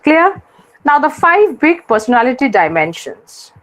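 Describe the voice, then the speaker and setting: High-voiced Indian English woman lecturing. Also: big pitch swings, measured pace, fairly bright tone, poor audio. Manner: repeats points and checks with students. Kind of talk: online class lecture.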